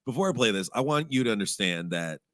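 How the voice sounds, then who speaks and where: A man's voice: on the low side, animated, fast talker, bright, forceful tone, dry recording, clean studio sound. A man co-hosting a podcast in casual chat, earnest and careful, often repeating himself. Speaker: podcast co-host.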